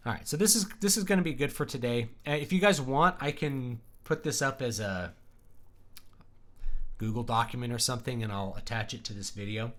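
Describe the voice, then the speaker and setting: A man's voice: medium pitch, a little fast, fairly bright tone. Opinionated man teaching writing live. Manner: thinks aloud, plain-spoken and opinionated. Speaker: writing streamer. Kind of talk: casual live-stream writing lesson.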